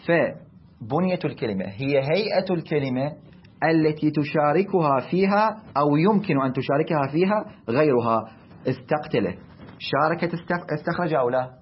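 A man's voice: fairly high pitch, slightly rough, highs cut off. Iraqi man lecturing in a classroom. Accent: Iraqi Arabic. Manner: deliberate, asks and answers own questions. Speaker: teacher.

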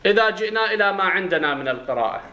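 A man with an Iraqi Arabic accent teaching a grammar class, explaining step by step, questioning his students and slowly chanting verses. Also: sits high, expressive, bright, forceful tone, lo-fi sound. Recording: roomy classroom echo.

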